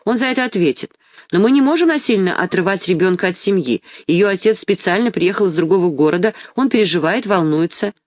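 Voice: mid-range voice, expressive, fairly quick, no room sound, close to an everyday voice. A shady, commanding doctor, as the reader puts him on, speaking in a plain mid-range voice. He snaps short orders and turns falsely soothing when it suits him. The sound is dry and close. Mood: stern. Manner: curt, commanding. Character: crooked doctor, adult man, pushy.

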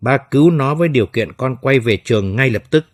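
A man's voice: mid-range voice, lively intonation, brisk, lightly acted. A man voicing a stern, strict older father who gives firm orders. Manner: stern, commanding.

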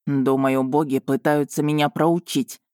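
A woman voicing a proud, brooding male dragon lord who speaks in a cool, measured, slightly mocking way. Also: rumbling low, little pitch movement, darkish tone, dry recording, clean studio sound. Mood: calm.

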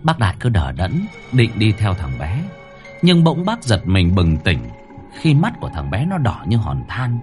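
A man narrating a horror story in a dramatic, highly expressive manner. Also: measured pace, soft background music. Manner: highly expressive, rising to cries.

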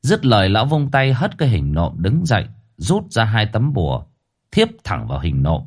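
Animated male storyteller. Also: moderate pace. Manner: animated, swinging pitch for drama. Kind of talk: dramatic horror story narration.

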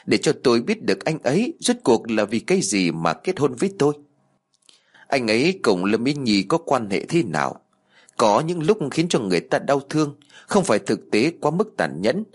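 A man narrating a serialized audiobook in a steady storytelling manner. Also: medium pitch, slightly rough.

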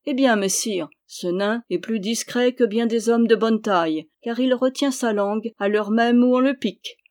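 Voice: medium pitch, normal speed, close to an everyday voice. A reader voicing an impudent, mocking male dwarf jester in an audiobook, cheeky and teasing, speaking in riddles. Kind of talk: audiobook character reading.

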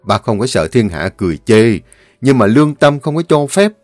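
A man voicing a stern, grief-stricken elderly father, scolding and shouting at his son. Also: mid-range voice, sing-song, moderate pace, no room sound, soft background music.

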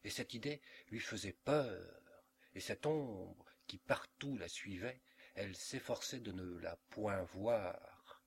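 A male audiobook reader narrating literary fiction with a measured, expressive delivery. His voice sits on the low side and he takes his time. A faint hum lingers beneath the home recording.

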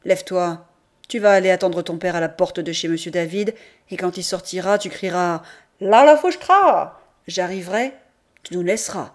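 A woman reading aloud and voicing a proud, sharp-tongued country mother who scolds defiantly and with emphasis. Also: lowish voice, steady tone, a little fast, close to an everyday voice. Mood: urgent. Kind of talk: audiobook character reading.

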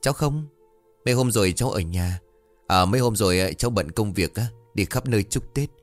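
A man's voice: fairly low pitch, lively intonation, brisk, faint music behind, natural voice. A man voicing a curious, polite young village man who hesitates as he speaks.

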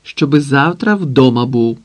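A man's voice: mid-range voice, expressive, a little slow, close to an everyday voice. A man voicing a stern, dry-witted mother of a big family, curt and sarcastic as she scolds.

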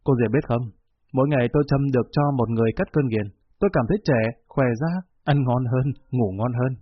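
Man reading a calm, kindly doctor. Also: mid-range voice, quick pace, close to an everyday voice. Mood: reassuring. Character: kindly older male doctor, calm and cheerful. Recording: dull lo-fi recording with faint music.

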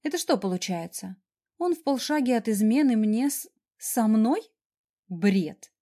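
Mellow woman reading an audiobook. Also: fairly high pitch, unhurried. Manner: wry, expressive reading. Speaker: audiobook narrator. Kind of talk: first-person audiobook narration.

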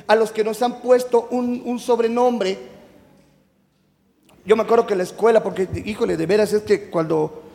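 A man with a Mexican Spanish accent gives a youth sermon, chatty and teasing and firing questions at the crowd. His voice sits high with a gravelly edge. The long reverb of a church hall trails every phrase. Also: darkish tone. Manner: chatty, teasing, quizzes the audience. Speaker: youth preacher. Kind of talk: youth sermon to a live congregation.

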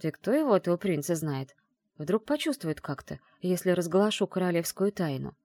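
Woman voicing a young witch heroine, snappy, indignant, lively pitch, dry sound. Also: normal speed, no room sound. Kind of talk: audiobook character voice.

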